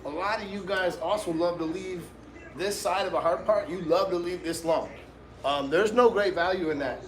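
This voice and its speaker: Casual man with a higher-pitched voice, tutorial talk. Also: moderate pace, fairly bright tone, roomy sound, poor audio. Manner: informal, slangy, addresses viewers directly. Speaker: barber and livestream host giving a haircut tutorial.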